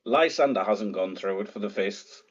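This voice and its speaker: Man, mid pitch, dull muffled sound, podcast co-host, knowledgeable, tells stories. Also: normal speed. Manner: knowledgeable, storytelling, swears. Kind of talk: casual banter.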